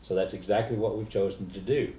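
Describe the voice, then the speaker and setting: A man's voice: on the low side, steady tone, fairly quick, dark tone. A man hosting a powwow, welcoming viewers informally in a folksy emcee style. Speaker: host of a virtual powwow. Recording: echoey, distant mic, faint noise.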